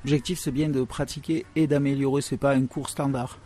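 A man's voice: medium pitch, steady tone, brisk, dark tone. A man interviewing guests for local radio, asking friendly, joking questions. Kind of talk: casual interview.

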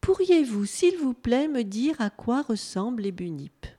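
A woman's voice: a little high, big pitch swings, unhurried, warm tone. A woman reading a storybook aloud and voicing a lonely male bunyip creature who keeps asking what he looks like. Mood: pleading. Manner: eager, pleading questions.

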